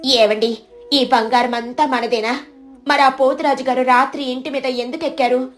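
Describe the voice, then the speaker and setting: Gouramma, an excitable village wife, as the narrator puts her on. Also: normal speed, faint music behind, natural voice. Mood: excited. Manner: excitable, high and pleading. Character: anxious loving village wife.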